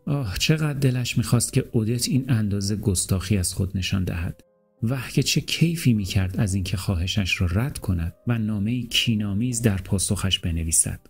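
A man reading a literary novel aloud as an audiobook narrator, in a measured, calm and deliberate way. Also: lowish voice, vocal fry, slightly rough, faint music behind.

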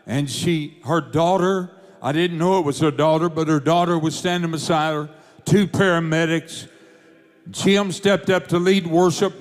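Fervent high-voiced preacher. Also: male voice. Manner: fervent storytelling. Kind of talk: sermon testimony.

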